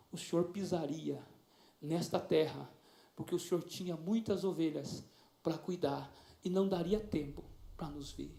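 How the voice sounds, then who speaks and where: Brazilian pastor, high-pitched, fervent sermon in a roomy church. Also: male voice, vocal fry. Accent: Brazilian Portuguese. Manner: tender storytelling with many diminutives, building to loud fervent preaching. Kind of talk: sermon with storytelling. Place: church sanctuary. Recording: echoey church sound.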